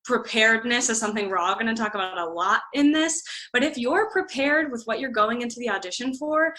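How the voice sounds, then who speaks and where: A woman's voice: fairly high pitch, fairly quick, sharp tone. A woman drama instructor sharing audition advice in a chatty, upbeat way, peppering her talk with "like". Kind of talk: casual advice chat.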